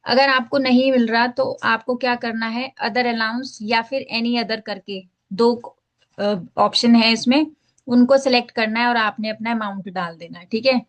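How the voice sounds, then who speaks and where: Hindi-speaking woman teacher, steady explainer. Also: on the high side, moderate pace. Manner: explains step by step, repeats "ठीक है" to check in; mixes English phrases into Hindi. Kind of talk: screen-share tax filing lesson.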